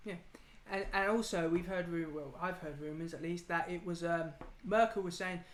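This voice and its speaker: A man's voice: sits high, normal speed. A man from England arguing political opinions in a casual debate, emphatic and ranting. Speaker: political talk show host. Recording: echoey room with faint noise.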